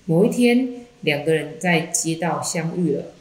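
Calm Buddhist nun reader, mellow low voice, roomy echo. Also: female voice. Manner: calm, measured reading. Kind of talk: reading a Buddhist text aloud. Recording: echoey room.

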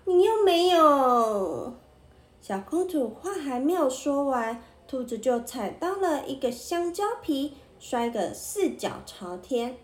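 A woman narrating a children's story in an expressive way. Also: sits high, roomy sound. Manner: expressive, slow.

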